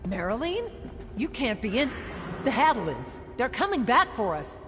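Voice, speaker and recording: An actress playing a wounded woman fighter who talks in a steady, reassuring way, in a video game. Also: fairly high pitch, moderate pace, long reverb tail, noisy background. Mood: alarmed. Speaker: game character.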